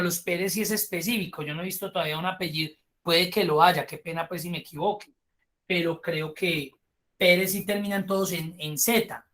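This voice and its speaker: A man's voice: high voice, bright, forceful tone. A man with a Colombian accent teaching a spreadsheet class, explaining step by step with chatty asides. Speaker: spreadsheet course instructor. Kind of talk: live online class.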